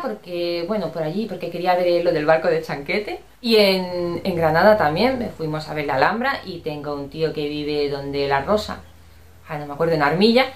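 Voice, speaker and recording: A chatty, affectionate middle-aged woman from Spain, casually answering her viewers, with a Spanish accent that slips into Andalusian at times. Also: fairly low pitch. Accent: Spanish from Spain, with Andalusian touches. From Barcelona, Spain. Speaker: vlogger answering viewer comments. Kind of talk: casual chat. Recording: roomy echo.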